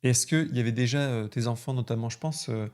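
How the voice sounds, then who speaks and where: A man's voice: mid-range voice, fast, darkish tone. A man from southeastern France hosting a podcast, talking in a casual, enthusiastic way with reflective asides. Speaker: podcast host. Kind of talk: casual conversational interview.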